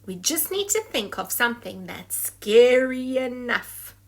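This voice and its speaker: A woman's voice: on the high side, very animated, measured pace. A woman voicing a tiny, helpful, upbeat fish friend in a storybook, encouraging and reassuring. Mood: encouraging, confident.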